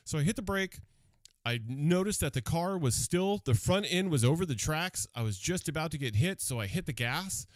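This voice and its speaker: A man telling a personal story on radio in a rambling, animated way, with many restarts. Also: a little high, no echo.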